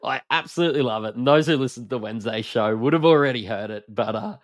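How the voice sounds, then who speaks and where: A man's voice: medium pitch, quick pace, no room sound, studio quality. Casual man with a broad Australian accent. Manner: informal, matey, slangy. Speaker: sports podcast host. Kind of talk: casual basketball analysis chat.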